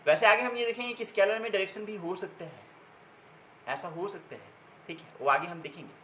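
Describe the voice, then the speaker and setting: A man's voice: high-pitched, steady tone, fairly quick, fairly bright tone, roomy sound, slight background noise, poor audio. A man teaching a physics class, repeating key terms and quizzing his students, switching between Hindi and English terms. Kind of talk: classroom lecture.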